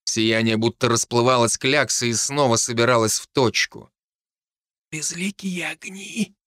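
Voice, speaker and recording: A man narrating an audiobook in the first person, telling it in an expressive, animated way. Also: mid-range voice, normal speed, clean tone, no room sound, studio quality.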